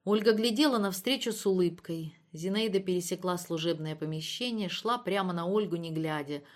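A woman's voice: lowish voice, fairly quick. Woman narrating an audiobook. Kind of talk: scripted literary narration.

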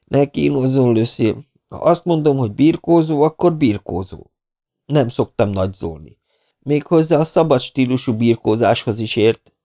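A man's voice: mid-range voice, lively intonation, dark tone, pitched above the performer's own voice, lightly acted. A man voicing a beaten young man who pleads and groans as he tells what happened, in an audiobook reading. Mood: recounting. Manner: breathless, pleading.

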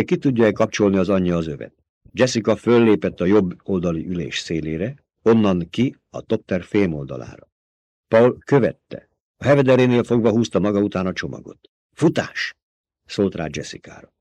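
A male audiobook narrator with a low-pitched voice who reads expressively and dramatically. His intonation swings widely from line to line. The recording is dry and close, with no room sound. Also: a little mellow, no echo. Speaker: audiobook reader.

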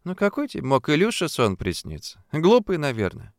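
A man reading an audiobook, voicing a sharp-tongued young working girl who scolds and mocks. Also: high voice, big pitch swings, normal speed, no echo, clean studio sound, pitched above the performer's own voice, exaggerated voice. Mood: teasing. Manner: scolding, mocking, teasing. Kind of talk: audiobook character voice.

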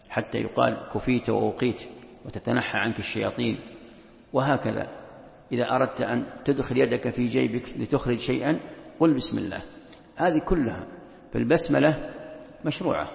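A male scholar with a deeply gravelly voice teaches a lesson. He explains patiently, repeats himself for emphasis and poses his own questions. His voice comes through a dull, lo-fi recording with a long echo. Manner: explanatory, repeats key phrases, asks and answers own questions. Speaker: Islamic scholar teaching tafsir. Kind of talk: classroom lesson commentary. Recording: echoey, dull lo-fi hall recording.

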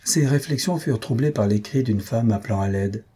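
A man narrating a classic story in a steady audiobook reading. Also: medium pitch, brisk, slightly rough.

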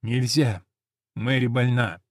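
A man voicing a grieving old male jockey in a storybook, speaking in a low, muffled, heavy way. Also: fairly even intonation, slow pace, no room sound, clean studio sound. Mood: gruff. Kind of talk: storybook reading.

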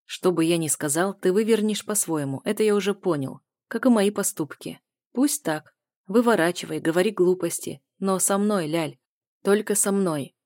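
A woman reads the part of a brooding man, calm and insistent, with a touch of mockery. Her tone is low and mellow. The sound is dry. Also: normal speed, dry recording, natural voice. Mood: intimate. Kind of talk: audiobook character voice.

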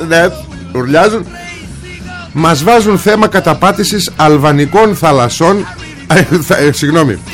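A male talk show host giving satirical political commentary, sarcastic and blunt, with crude jabs. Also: a little high.

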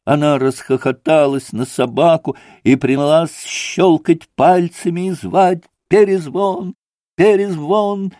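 Man reading a classic novel aloud, slow and careful, dark mellow voice, dry close mic. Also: on the high side, no room sound. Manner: measured, deliberate storytelling. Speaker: audiobook narrator. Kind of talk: scripted literary narration.

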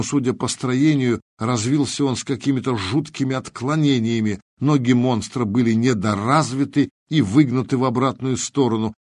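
A man reading an audiobook as narrator, measured and even. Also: medium pitch, no echo. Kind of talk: scripted narration.

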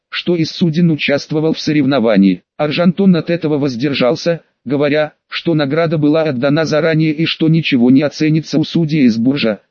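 A man narrating an audiobook in an even, measured reading, voicing the quoted dialogue lightly. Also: on the high side, no echo. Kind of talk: scripted narration. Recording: dull lo-fi dry recording.

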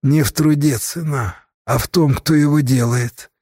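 A man voicing a stern, grasping old village elder with a thin high voice that turns preachy and scornful. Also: steady tone, unhurried, breathy edge, no echo, clean studio sound. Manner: preachy, scornful, rising to shrill shouts.

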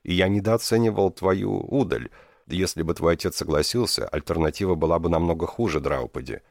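A man voicing a proud, commanding prince who speaks in a measured, authoritative way. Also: deep voice, creaky, no room sound, studio quality.

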